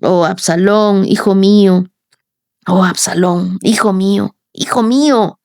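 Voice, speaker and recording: A woman voicing a grieving old king who mourns his son, with slow, lamenting delivery. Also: mid-range voice, vocal fry, a little mellow, no echo, clean studio sound.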